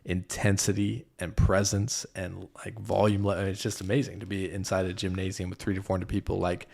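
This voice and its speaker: A man with a very low, gravelly voice talks earnestly in a relaxed podcast chat. He coaches basketball and keeps stopping to qualify and correct what he says. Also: brisk. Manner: thoughtful, self-correcting, earnest. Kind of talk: casual podcast conversation.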